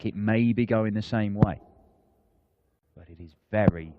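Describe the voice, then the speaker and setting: Low-voiced male darts commentator. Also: measured pace. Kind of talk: live sports commentary. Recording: dull broadcast sound with clear background noise.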